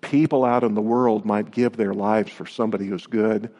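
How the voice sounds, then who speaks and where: A man's voice: on the low side, steady tone, normal speed, mellow, long reverb tail. A man preaching a sermon as pastor, reading scripture aloud and putting emphatic rhetorical questions to his listeners in an earnest manner.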